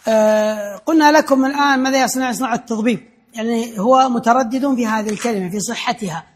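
A man's voice: extremely high pitch, fast. A man giving a classroom lecture, explaining step by step, repeating his points and often restarting words.

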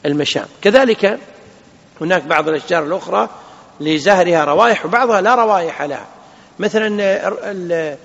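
A man teaching a classroom lesson, reading a legal text aloud and explaining it slowly, often checking with his students. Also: sits high, gravelly, a bit bright, in a large hall, dull audio. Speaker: Islamic jurisprudence teacher.

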